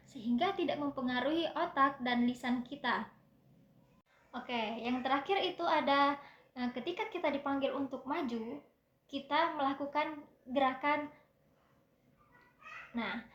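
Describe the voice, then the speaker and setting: A woman's voice: high voice, fairly bright tone, echoey room, highs cut off. A young woman giving a classroom presentation on public speaking, explaining step by step and demonstrating vowels and breathing aloud. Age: young adult. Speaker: student presenter.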